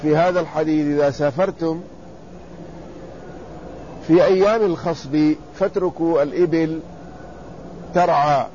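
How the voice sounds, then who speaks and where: A man teaching a classical text, reading each passage and then explaining it slowly and deliberately. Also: on the high side, steady tone, mellow, highs cut off, slight background noise. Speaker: teacher of hadith sciences.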